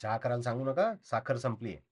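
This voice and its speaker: A man reading the part of a thrifty, sociable housewife, speaking in a brisk, practical way. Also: mid-range voice, lively intonation, lightly acted.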